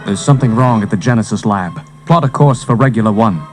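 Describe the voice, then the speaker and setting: An actor playing a decisive, authoritative starship admiral in an audio storybook adventure. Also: male voice, lowish voice, quick pace, natural voice. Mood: businesslike. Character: commanding, warm-hearted male starship admiral. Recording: cassette transfer with music underneath.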